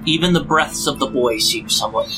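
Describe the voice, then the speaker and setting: A man running a tabletop game as dungeon master, describing scenes in a steady narrating voice with small fillers. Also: medium pitch, fairly quick, soft background music, rough recording. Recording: faint background noise.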